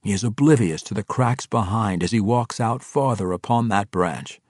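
A man voicing a drow ranger who speaks in a measured, formal way. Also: lowish voice, expressive, darkish tone, dry recording, studio quality. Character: calm, strategic male drow ranger.

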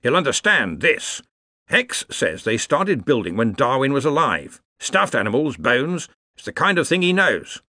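A man voicing a gruff, bossy male head wizard who talks briskly and gives orders. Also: medium pitch, sing-song, sharp tone, no echo, clean studio sound, pitched above the performer's own voice, exaggerated voice. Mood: commanding. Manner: brisk and commanding.

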